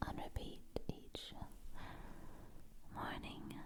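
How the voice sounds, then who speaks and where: A woman whispers gently right into the listener's ear in an ASMR poetry reading, close on the mic, slowly and with long pauses. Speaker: ASMR content creator.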